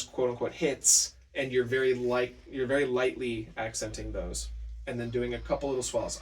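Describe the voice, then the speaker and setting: Laid-back man teaching drums, chuckling. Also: medium pitch. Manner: chuckling, easygoing explaining. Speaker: drum teacher. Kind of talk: relaxed one-on-one drum lesson. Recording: distant mic with clear drums and music.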